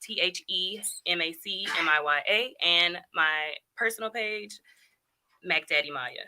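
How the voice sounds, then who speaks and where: A woman in her twenties introduces herself on a dating show in a relaxed, joking way. Her voice sits a little low but sounds bright. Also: a little slow. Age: 20s. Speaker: contestant. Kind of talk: casual chat.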